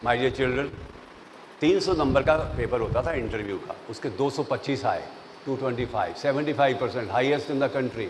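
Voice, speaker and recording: An older man, a professor, giving lively classroom advice, telling stories and acting out the voices of people in them. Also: mid-range voice, normal speed. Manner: animated, storytelling, mixes English phrases, acts out quoted voices. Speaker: professor giving interview tips. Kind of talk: classroom lecture. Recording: long reverb, faint noise.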